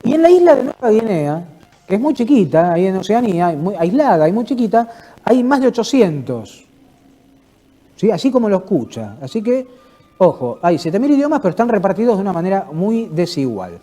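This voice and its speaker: A man's voice: high-pitched, big pitch swings, brisk, mellow. A man hosting an informal cultural talk, playful like a mock announcer and full of hesitant fillers. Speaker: host. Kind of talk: informal cultural talk answering viewer questions.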